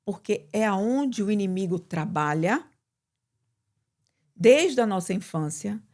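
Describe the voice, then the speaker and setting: A woman pastor with a Brazilian Portuguese accent, preaching in conversation with emphatic, animated delivery. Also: medium pitch, takes it slowly. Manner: animated, bursts into emphatic quoted prayers.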